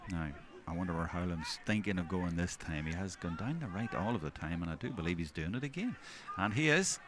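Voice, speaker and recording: A man giving live hurling commentary, describing play in measured running observations. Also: low-pitched, lively intonation. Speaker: sports commentator. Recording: outdoor stand, loud crowd noise behind. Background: crowd noise at outdoor match.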